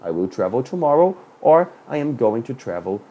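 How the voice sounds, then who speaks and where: A Brazilian man with a Brazilian Portuguese accent, teaching a live online English lesson in a chatty, animated way. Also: mid-range voice, normal speed, muffled recording. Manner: lively, animated, chatty with viewers.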